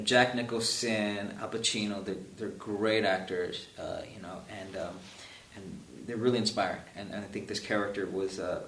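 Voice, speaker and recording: Halting young man in an echoey room. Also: on the low side, fairly bright tone. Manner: halting, repeats words often. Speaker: actor being interviewed. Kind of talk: casual interview chat. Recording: echoey room, distant mic, faint hiss.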